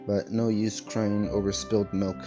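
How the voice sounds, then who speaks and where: A man with a lowish voice talks at normal speed in a flat delivery over loud music during a gaming stream. His laptop-mic chatter wanders, packed with fillers and self-corrections.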